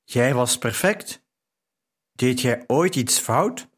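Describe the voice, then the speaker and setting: A male audiobook reader voicing a remorseful father, a moody writer, speaking in a slow, gentle, regretful way. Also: mid-range voice, expressive, husky. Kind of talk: audiobook character reading.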